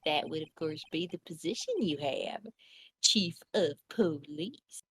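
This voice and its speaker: A woman's voice: deep voice, unhurried, a bit bright, slightly rough, no room sound, faint music behind, full character voice. A woman voicing an earnest young male defense lawyer in a game playthrough, with dramatic, accusing delivery.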